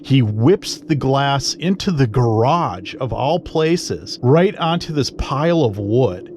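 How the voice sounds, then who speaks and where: A man's voice: medium pitch, animated, takes it slowly, darkish tone, a little hiss or hum. A man hosting his own channel, telling a personal story casually and bluntly, swearing freely in loose run-on sentences. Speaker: channel host.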